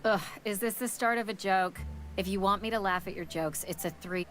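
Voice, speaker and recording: A woman's voice: mid-range voice, brisk, fairly bright tone, soft background music, lightly acted. An actress voicing a brusque, wary woman bartender from a company frontier town in a video game, with a sassy, curt and dismissive manner. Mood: sardonic, guarded. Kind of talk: video game character dialogue.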